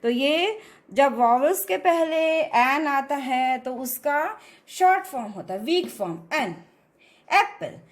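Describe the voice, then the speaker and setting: A woman's voice: high voice, animated. A woman teaching English pronunciation in a classroom lesson, explaining patiently in Hindi mixed with Indian-accented English and checking in with listeners. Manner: explains slowly, mixing Hindi with English phrases, frequent "है ना" checks.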